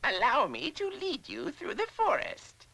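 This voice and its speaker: A woman playing a wicked forest witch as a very old, frail woman in a storybook drama, with a creaky, cackling, theatrically coaxing delivery. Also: sits high, sing-song, measured pace, pushed and bright, no echo, exaggerated voice, rough recording. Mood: falsely sweet, coaxing. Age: very old woman, as played. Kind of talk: dramatized storybook fairy tale.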